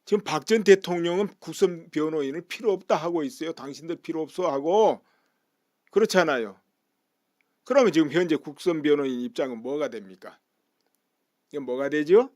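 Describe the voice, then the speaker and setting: A man's voice: fairly high pitch, normal speed, pauses often, a little mellow, dry recording. Dry-voiced male political commentator. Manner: explanatory, poses rhetorical questions. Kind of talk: news commentary monologue.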